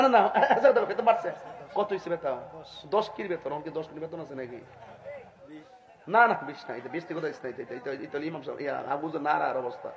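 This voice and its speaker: Man, humorous preacher, slightly high voice, chatty and joking, live crowd audible. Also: muffled recording. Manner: joking, chatty, laughing often. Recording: live event with loud crowd.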